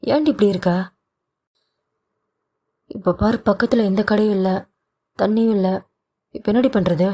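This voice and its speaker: A woman's voice: mid-range voice, a little slow, pauses often, mellow. A woman voicing a bossy but tender young husband in a romance audio novel, with a blunt, scolding delivery.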